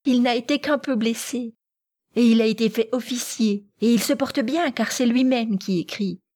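A woman voicing an impulsive, eager teenage girl in an audiobook reading, pleading and excitable. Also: a little high, moderate pace, breathy edge, voice pushed up. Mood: excited. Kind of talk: audiobook character voice.

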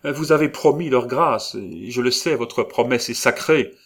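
A man's voice: medium pitch, a little slow, pitched above the performer's own voice. A man voicing a desperate young nobleman who pleads passionately, in an audiobook reading. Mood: pleading. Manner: impassioned, imploring.

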